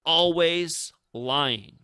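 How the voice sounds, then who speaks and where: A man's voice: on the high side, very slow, pushed and bright, clean tone. A man hosting his own betting show, talking in an aggrieved, repetitive rant that is full of profanity and stammered, repeated words. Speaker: online sports betting show host. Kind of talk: casual livestream monologue.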